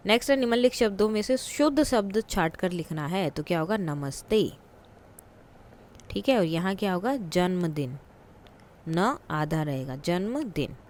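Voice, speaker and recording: A woman teacher explaining a worksheet in a patient way, repeating words slowly for her students. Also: on the low side, lively intonation, darkish tone.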